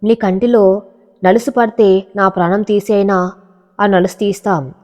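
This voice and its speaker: A woman voicing a gentle, protective young farmer who speaks earnestly and reassuringly in a storybook narration. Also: medium pitch, steady tone, unhurried, in a large hall, lightly acted. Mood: tender.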